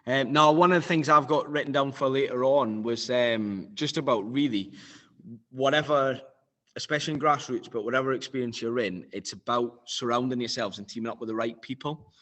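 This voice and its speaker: A man's voice: mid-range voice, fairly quick, bright, forceful tone, poor audio. A man leading a casual discussion among coaches on a video call, chatty and thinking aloud as he goes.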